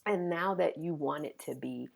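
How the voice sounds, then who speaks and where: A woman's voice: sits low, normal speed, creaky. A woman in her thirties, a pediatric physical therapist, speaking earnestly as a guest in a podcast interview.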